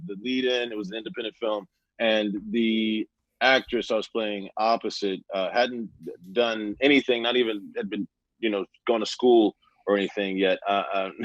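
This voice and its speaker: A man's voice: medium pitch, no echo. Guy stumbling through a story, lots of uh, dull dead-sounding call audio. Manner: halting, many fillers and restarts. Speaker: panelist actor. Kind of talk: casual anecdote.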